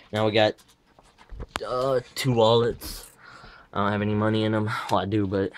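A man's voice: on the low side, slight background noise. A teenage boy with a slightly lispy voice from his retainer, giving an offhand, wandering tour of his bedroom gaming setup on a handheld camera. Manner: offhand, wandering, self-correcting asides. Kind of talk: casual rambling room tour.

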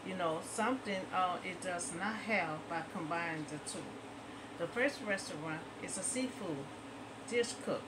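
Speaking into a webcam from her bedroom at home, a middle-aged woman offers casual, rambling commentary on local news, sprinkling "you know" throughout. She has a lowish voice and a measured pace, and the background is noisy.

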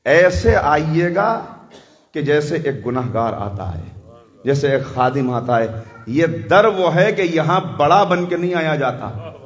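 A man preaching a majlis sermon, telling stories dramatically and swinging from hushed lines to loud ones. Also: a little high. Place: religious gathering hall.

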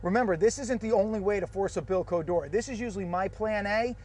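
A man's voice: high voice, fast talker, a little mellow. Man explaining a forcible entry drill. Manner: practical, step-by-step explaining. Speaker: fire service instructor. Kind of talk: instructional demonstration.

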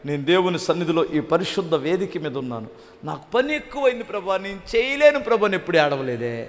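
Man pastor with a Telugu accent, very high pitch, fiery sermon in a reverberant hall. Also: sing-song, quick pace. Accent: Telugu, Andhra Pradesh. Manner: preaching with swings between loud exhortation and low asides, calling for praise.

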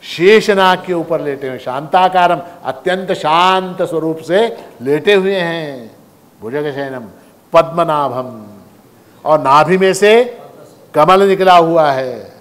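Man giving a lively sermon. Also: on the high side, slow. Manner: animated, asks the audience questions and answers them. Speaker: spiritual teacher. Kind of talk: Hindi sermon with storytelling and Sanskrit chant. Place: large hall at a religious festival. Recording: echoing hall, faint background noise.

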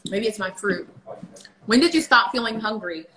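A vlogger in her thirties speaks at a moderate pace in a medium-pitched, lively voice while casually answering livestream viewers' questions, full of fillers. She is in her home kitchen, recorded on a phone camera at the table. The rough recording has an echoey room sound and crowd noise.

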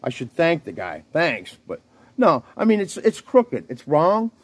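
A man in his fifties vlogging from his bicycle in the rain, talking into his phone in an earnest, rough-spoken ramble full of restarts. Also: fairly high pitch, wildly swooping pitch, measured pace, no room sound. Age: 50s. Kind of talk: rambling religious talk to camera. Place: outdoors, riding a bicycle in the rain. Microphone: phone held while riding. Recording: wind noise and rain hitting the phone mic.

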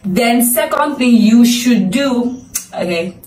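A woman's voice: fairly high pitch, expressive, takes it slowly, darkish tone, reverberant, far from the mic, low-quality recording. A Nigerian woman with a Nigerian accent, earnestly urging her listeners in a motivational talk, pleading and repeating herself for emphasis. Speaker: vlogger.

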